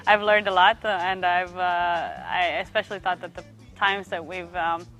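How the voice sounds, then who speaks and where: A young woman from Sweden, a youth worker giving reflective interview answers, pausing often to find her words. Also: lowish voice, fairly even intonation, a bit bright, faint music behind. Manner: thoughtful, pauses often to search for words.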